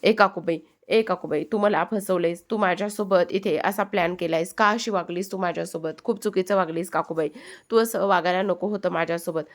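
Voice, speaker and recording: A woman voicing an angry young man who accuses his aunt of cheating him, speaking loudly and accusingly. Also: fairly low pitch, steady tone, a little fast, lightly acted.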